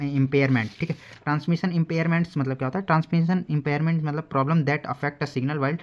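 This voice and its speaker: Man, lecturer, exam-prep lesson, everyday examples, lots of fillers, slightly dull lo-fi recording. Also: a little high. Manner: explains in simple everyday examples, many fillers. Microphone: recording alone at a desk.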